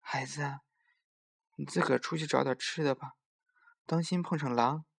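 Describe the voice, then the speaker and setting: A man voicing a caring, sick mother rabbit who gives gentle, anxious warnings. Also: a little high, fairly even intonation, moderate pace, creaky, breathy edge, voice pushed up. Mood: worried.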